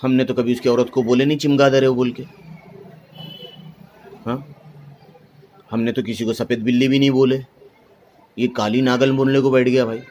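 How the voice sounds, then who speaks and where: A man's voice: medium pitch, level tone, moderate pace, pauses often, a little mellow, slight background noise. A man arguing with his mother, insistent and accusing, asking the same questions again and again. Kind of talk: heated family argument.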